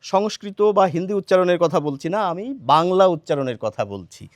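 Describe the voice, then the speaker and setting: High-voiced man teaching pronunciation. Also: lively intonation, no room sound. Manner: measured, addresses viewers directly with questions, frequent "ah" fillers. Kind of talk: explanatory lesson to camera.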